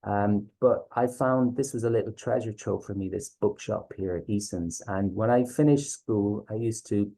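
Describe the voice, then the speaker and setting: A man's voice: fairly low pitch, moderate pace, few pauses, mellow, poor audio. A man with a west of Ireland accent giving an informal presentation as a teacher, hesitant and often checking in with listeners. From Galway, west of Ireland. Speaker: teacher presenting a reading series.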